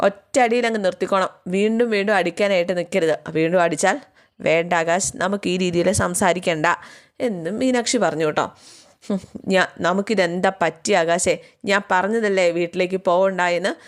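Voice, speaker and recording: A woman's voice: lowish voice, normal speed. A woman casually retelling a TV serial's plot, chatty and acting out the characters' lines herself. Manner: chatty, with tags like "you know" and playful voices for the characters.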